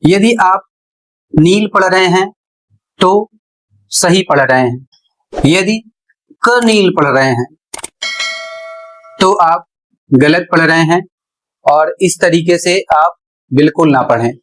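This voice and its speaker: A man with a high voice walks through a lesson at an unhurried, careful pace. He spells out each word letter by letter, like a patient classroom teacher. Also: fairly bright tone, low-quality recording. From India. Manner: deliberate, spells words out letter by letter. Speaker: English teacher. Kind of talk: slow classroom explanation.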